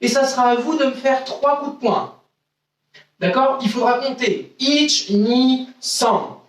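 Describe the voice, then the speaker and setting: A man's voice: very high-pitched, normal speed. A man teaching an online karate class to children, counting out exercises and often checking "d'accord?". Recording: echoey room, voice from mic distance.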